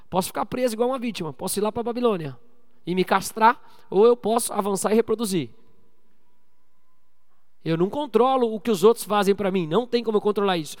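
A man with a strikingly high voice preaches to his church. He calls out for amens and swings from loud, pressing exhortation down to low, quiet asides. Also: in a large hall. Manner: preaching with call-and-response to the congregation. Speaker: pastor. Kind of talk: sermon.

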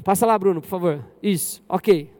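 A man from Brazil preaching a lively sermon to his congregation as pastor, often questioning the crowd directly. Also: sits high, moderate pace. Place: church service.

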